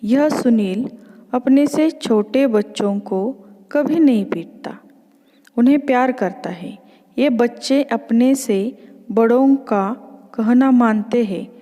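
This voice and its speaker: A woman voicing a kindly, wise moon uncle who gently teaches the children. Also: fairly high pitch, in a large hall. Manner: calm, instructive.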